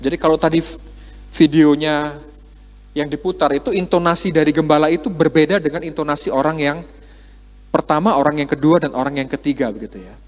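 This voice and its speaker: A man's voice: on the high side, steady tone, a little fast. A male pastor preaching a sermon in a conversational way, asking rhetorical questions and acting out quoted dialogue in a church. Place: church hall. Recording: long hall reverb.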